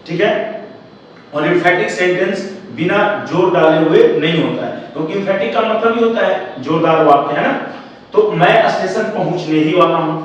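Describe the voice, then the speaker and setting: A man teaching an English grammar lesson, repeating phrases and slowly stretching out the key words for emphasis. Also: a little high. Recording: very echoey room, voice from far off, faint noise.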